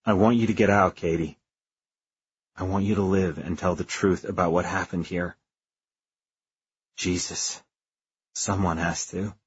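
Slow, husky, frightened young man. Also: mid-range voice, steady tone, highs cut off. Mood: frightened, pleading. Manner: halting, shaky, despairing. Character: terrified young male lieutenant trapped on a stricken spaceship. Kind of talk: dramatized audiobook acting.

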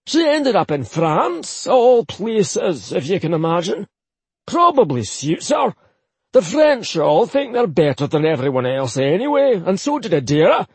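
A man doing an excitable old Scottish uncle. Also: unhurried, slightly rough, no room sound, full character voice. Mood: indignant. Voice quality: high, sing-song and excitable. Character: older Scottish uncle, gossipy and indignant.

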